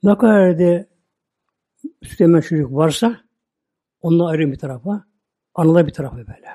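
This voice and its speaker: A Turkish man preaching, retelling a religious story in a repetitive storytelling way, at times dropping to soft, quiet passages. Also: on the high side, brisk. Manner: retells a story with constant repetition of filler words.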